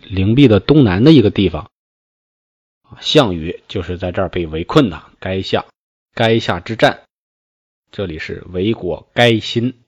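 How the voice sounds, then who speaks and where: A man reading a classical novel aloud and explaining it in colloquial speech, with lively, folksy asides. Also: lowish voice, no echo. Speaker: storyteller. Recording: dull, dry lo-fi recording.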